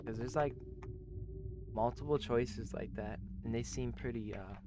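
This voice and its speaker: A man giving quiet, rambling commentary while playing a story game, with game music behind. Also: mid-range voice, unhurried, noisy background. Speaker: let's play streamer.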